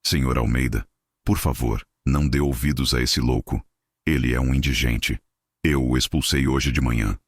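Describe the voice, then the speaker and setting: A man voicing a panicked, desperate male wedding planner with a shrill voice. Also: steady tone, moderate pace, no echo, studio quality. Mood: begging.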